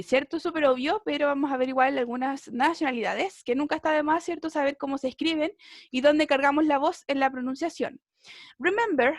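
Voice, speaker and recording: High-voiced chilean lady teaching english online, chatty, keeps checking in with the class, dry close sound. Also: no echo. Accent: Chilean Spanish. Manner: chatty, mixes Spanish and English, asks ¿cierto? and ¿ya? often.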